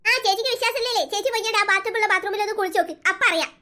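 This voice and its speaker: Scared little cartoon girl, whiny, bright and squeaky, played by a voice actor. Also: rapid-fire. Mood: stubborn. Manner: whiny, tearful storytelling. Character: frightened little cartoon girl, tearful and stubborn. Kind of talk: cartoon voice acting.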